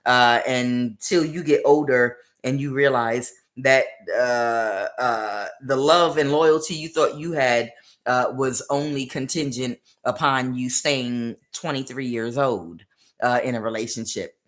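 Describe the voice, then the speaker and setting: Tarot reader, woman, extremely low pitch, meandering delivery with many fillers. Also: measured pace. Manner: rambling, many "uh" fillers, acts out quoted voices. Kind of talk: spiritual tarot reading monologue.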